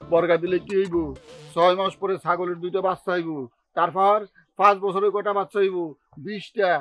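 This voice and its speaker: A self-pitying brother-in-law who mourns loudly and then wheedles for favours, in a fairly high voice. He speaks broad colloquial dialect over faint background music in a TV drama. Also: rough recording. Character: sulking middle-aged brother-in-law, scheming and self-pitying. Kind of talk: TV drama acting.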